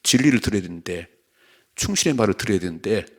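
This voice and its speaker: A man's voice: on the low side, lively intonation, quick pace. A male pastor preaching an early-morning sermon, reading scripture aloud and pressing the congregation with emphatic rhetorical questions. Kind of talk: dawn prayer sermon.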